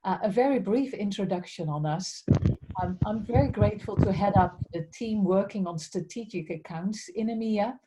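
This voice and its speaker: This woman, a head of strategic accounts, speaks with a Dutch accent while giving a courteous business webinar on a video call, repeatedly saying how thankful she is. Her mid-range voice moves at a moderate pace, though the audio is very noisy.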